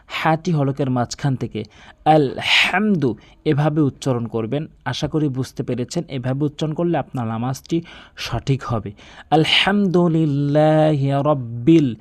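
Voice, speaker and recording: A man giving a recitation lesson, explaining common pronunciation mistakes and then drawing out each word slowly and with stress. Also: on the high side, darkish tone. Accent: Bangladeshi Bengali. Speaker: Quran teacher.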